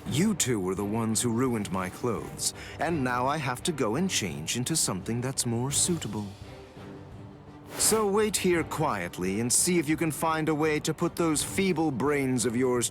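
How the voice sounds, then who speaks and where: A vain, sneering anime villain, theatrical and condescending. He taunts over loud game music. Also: mid-range voice, very animated, measured pace.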